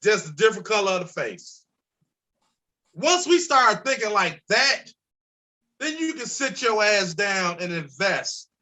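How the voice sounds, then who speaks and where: A Chicago insurance broker in his forties guests on a podcast, talking casually and emphatically in a voice that sits high. He tells animated stories at a measured pace and swears freely.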